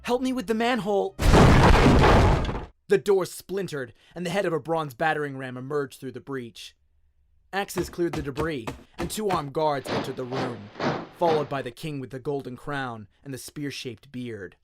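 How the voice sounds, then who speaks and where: A voice actor narrates a scripted story with drama, much like an audio drama, over music and sound effects. His voice is mid-range and his pace moderate.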